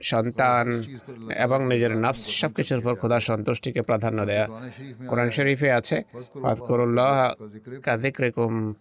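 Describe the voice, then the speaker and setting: Man preaching in a flat, even voice. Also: medium pitch. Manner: measured, exhortative, quoting scripture with restarts. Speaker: religious speaker. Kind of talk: sermon.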